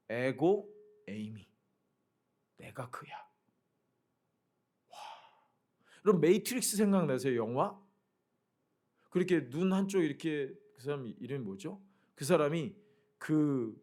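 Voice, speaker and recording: Lively high-pitched preaching man. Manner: emphatic, swings from loud proclamations to quiet asides; engages the congregation with questions. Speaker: pastor. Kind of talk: sermon.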